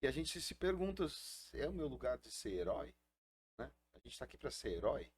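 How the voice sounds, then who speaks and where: A man's voice: mid-range voice, very animated, brisk, breathy edge. A man speaking as a guest on a podcast, earnest and impassioned, often ending sentences with a questioning tag. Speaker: guest, FUNAI indigenist. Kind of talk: casual podcast interview.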